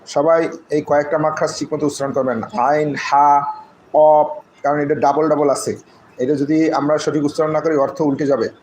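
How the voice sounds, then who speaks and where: A man teaching Quran recitation, slowly spelling out Arabic letters and vowels syllable by syllable, then explaining them. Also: on the high side, level tone, a little mellow, slight background noise, low-quality recording. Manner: slow syllable-by-syllable drilling, drawn-out recited phrases.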